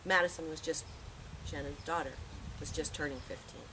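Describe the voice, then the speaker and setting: A woman whose voice sits low speaks at a moderate pace with fairly even intonation, delivering a sincere, plain-spoken eulogy full of stories. The memorial takes place outdoors in a park, and the recording carries noisy park ambience.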